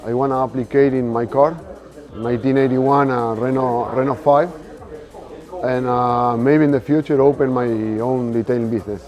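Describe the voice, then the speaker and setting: A man speaks slowly and carefully, stopping to find the right English words. His voice is dark and mellow, with soft music under it. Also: medium pitch, fairly even intonation, rough recording. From Argentina. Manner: halting, searching for English words. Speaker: seminar student. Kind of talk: testimonial interview.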